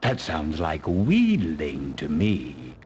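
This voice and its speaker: A sadistic male doctor villain in a game. His voice is deep and slow, with animated, swooping intonation. He taunts with smug, mock-soothing condescension. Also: lo-fi sound, slight background noise, full character voice. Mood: gleeful taunting.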